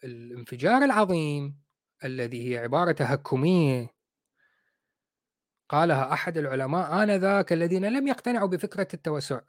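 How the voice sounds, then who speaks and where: An Iraqi man hosts a livestream commentary, talking fast and with open sarcasm. His voice sits a little high. The sound is close and dry, with no room echo. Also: animated. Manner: sarcastic, mocking. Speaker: host.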